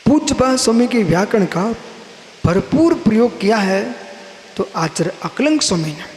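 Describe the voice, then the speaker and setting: A man's voice: high-pitched, big pitch swings, normal speed. A man, a Jain monk, giving a sermon and explaining word roots, asking and answering his own questions. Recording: roomy hall echo with faint hiss.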